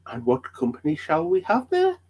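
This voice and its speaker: A man playing an eager, credulous, curious traveller with hammy, excitable stage delivery in a dramatic storybook reading. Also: fairly high pitch, normal speed, husky, exaggerated voice. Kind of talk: dramatic reading of old allegory.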